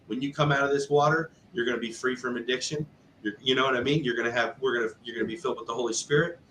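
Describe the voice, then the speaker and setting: A man telling a story in a casual, lively way, with many fillers and acted-out quotes. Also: mid-range voice, rapid-fire. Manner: animated, conversational, full of fillers and quoted speech. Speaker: guest telling a testimony. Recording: roomy echo with faint background noise.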